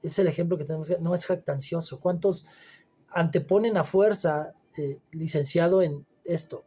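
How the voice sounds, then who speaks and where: A man's voice: on the high side, moderate pace, mellow, slightly rough. A man giving a Bible commentary sermon, preaching emphatically in a conversational way with frequent fillers and restarts.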